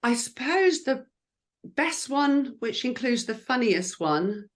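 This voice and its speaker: A woman's voice: on the high side, sing-song, slow pace. A woman who works as a lip speaker, chatting in an encouraging way about the job in an interview, with frequent fillers. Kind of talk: careers advice interview.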